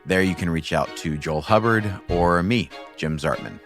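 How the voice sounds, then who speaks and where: Calm male co-host over faint music. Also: low-pitched, normal speed. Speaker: podcast co-host and coach. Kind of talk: scripted intro, then casual follow-up questions.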